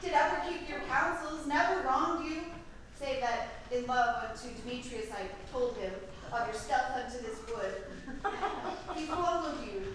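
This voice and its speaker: Woman acting a bright, high-voiced, wounded Helena onstage. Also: normal speed. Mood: pleading. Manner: theatrical, pleading, projected stage delivery. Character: tall, timid, wounded young Athenian woman in love. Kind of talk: staged reading of Shakespearean comedy. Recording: echoey room from far off, faint noise.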